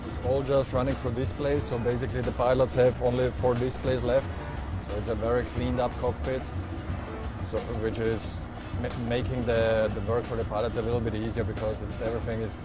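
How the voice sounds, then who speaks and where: A pilot answering interview questions in a matter-of-fact way. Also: male voice, medium pitch, little pitch movement, brisk, music in the background.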